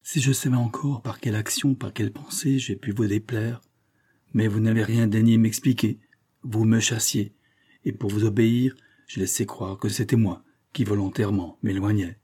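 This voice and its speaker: A man's voice: lowish voice, fairly even intonation, normal speed, warm tone, slightly rough. A man reading the part of an anguished young man, a jilted lover who pleads in bitter despair. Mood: bitter, reproachful.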